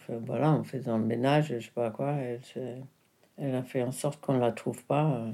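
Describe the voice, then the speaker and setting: At a normal speed and with a steady, dark tone, this woman's voice rumbles low. She is the filmmaker's mother being interviewed, a non-native French speaker who hunts for words and keeps restarting in a close, personal exchange.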